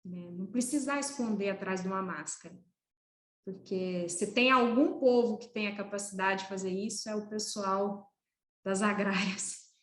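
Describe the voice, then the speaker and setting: Female Brazilian veterinarian guest, mid-pitched, earnest and lyrical, echoey room sound. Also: moderate pace. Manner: earnest, poetic and emphatic. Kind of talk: reflective interview talk.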